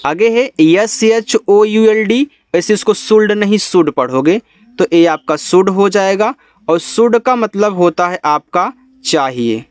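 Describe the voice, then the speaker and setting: Guy teaching english spelling, a bit high voice, dry close sound. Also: animated, no room sound. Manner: spells out letters slowly, then explains in Hindi. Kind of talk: spelling lesson.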